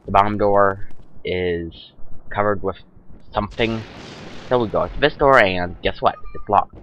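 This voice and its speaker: A man's voice: lowish voice, a little slow, a bit bright, lo-fi sound. Sarcastic young man narrating gameplay. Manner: sarcastic, wry asides. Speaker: let's play host. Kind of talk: casual gameplay commentary. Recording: faint game music behind.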